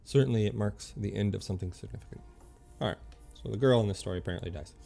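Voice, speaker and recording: A man with a low, gravelly voice reads game lore aloud on a stream. His tone is mellow and dark. He stumbles over the words and corrects himself as he goes. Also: faint music behind. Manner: halting reading with stumbles and self-corrections.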